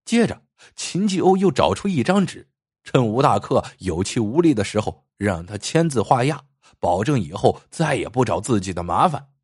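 A man narrating a folk tale as a storyteller, with a husky voice and lively, expressive delivery. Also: mid-range voice, normal speed, dry recording, studio quality.

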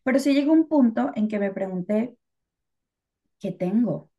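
A woman's voice: fairly high pitch, expressive, moderate pace, highs cut off. A Venezuelan woman co-hosting a podcast, talking in a chatty, reflective way with lots of fillers. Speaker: podcast co-host. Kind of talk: casual podcast chat.

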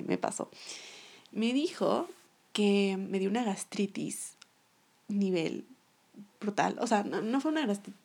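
Chatty young woman with vocal fry. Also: medium pitch, a little mellow. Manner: chatty, laughing often, slangy. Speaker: vlogger. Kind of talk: casual storytime.

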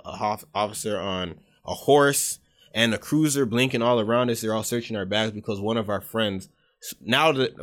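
A young man co-hosting a casual podcast, his voice sitting a little low. He rambles through his stories and swears without a second thought. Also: a bit bright. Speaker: podcast co-host.

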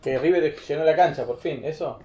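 A man's voice: on the high side, brisk, loud music behind the voice. A man from Uruguay on a casual chat panel, teasing the others with short interjections.

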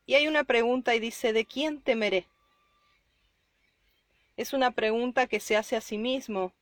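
A woman reading a psalm and preaching on it, slow and emphatic, rising on her key points. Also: on the high side, fairly even intonation, no echo. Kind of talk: Bible reading and devotional sermon.

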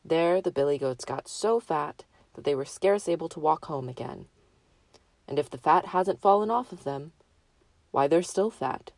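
A woman narrating a fairy tale in a measured, deliberate way. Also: low-pitched, animated, a little mellow, no echo. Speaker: storyteller.

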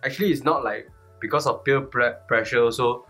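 A man's voice: mid-range voice, brisk, sharp tone, faint music behind. A man chatting as a podcast guest in colloquial Singlish-style with clipped grammar and 'lah'. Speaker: guest tattoo artist. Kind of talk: casual podcast chat.

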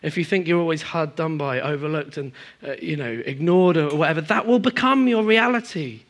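A man preaching a sermon to a congregation, moving between emphatic high passages and quiet, low stretches. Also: fairly quick. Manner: animated, swings from emphatic highs to quiet low asides. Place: church hall in front of a congregation.

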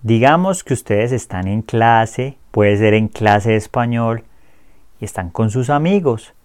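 A man teaching a lesson, speaking clearly and slowly modeling pronunciation for learners to repeat. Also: fairly low pitch, expressive, a little mellow, no echo, studio quality. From Colombia. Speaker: Spanish teacher. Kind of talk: language lesson.

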